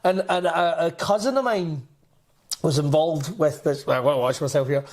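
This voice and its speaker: A Scottish man co-hosting a podcast, ranting in animated, exasperated casual chat and laughing often. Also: a little high, normal speed. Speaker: podcast co-host.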